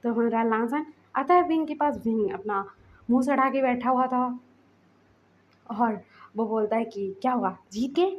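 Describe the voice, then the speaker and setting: A woman's voice: on the high side, measured pace, pauses often, lo-fi sound. A woman casually narrating a fan fiction story in a chatty, conversational way.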